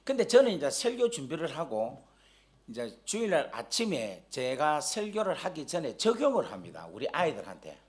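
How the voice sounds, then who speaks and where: A man preaching a sermon, telling stories animatedly, joking with the congregation and rising to shouts when stirred. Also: fairly high pitch, wildly swooping pitch, moderate pace, breathy edge. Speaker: guest pastor. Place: church sanctuary during a live service.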